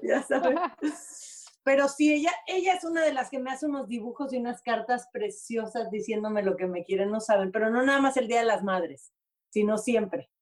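High-voiced woman co-host. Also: normal speed. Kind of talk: casual TV chat.

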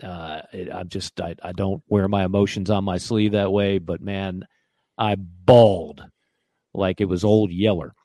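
A man co-hosting a sports radio show, telling a long personal story in a casual, animated way. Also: sits low, measured pace, no room sound, clean studio sound. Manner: animated storyteller who acts out quoted voices.

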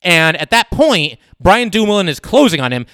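Young male podcaster, solo analysis, emphatic with fillers, smooth and slightly high voice. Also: moderate pace, dry recording, studio quality. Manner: animated, emphatic, many fillers. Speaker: sports podcast host.

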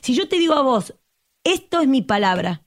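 Argentine woman therapist guesting on a podcast, passionate and emphatic, fairly high voice, dry close sound. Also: moderate pace, no room sound. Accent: Argentine Spanish. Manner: emphatic, passionate, lively acted-out quotes. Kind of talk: podcast conversation.

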